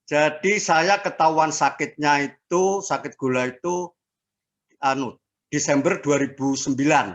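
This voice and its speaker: A man in his sixties giving a casual personal testimony as an interviewee, speaking haltingly with fillers and restarts. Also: on the high side. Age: 60s. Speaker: interviewee sharing a health testimony.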